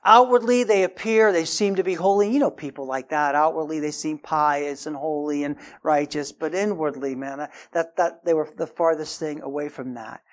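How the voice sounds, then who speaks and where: A middle-aged man preaching a sermon, emphatic, his voice rising high and loud to stress points. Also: fairly even intonation, moderate pace, few pauses. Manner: emphatic, rising in pitch and volume for stress, acts out quoted voices. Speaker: pastor.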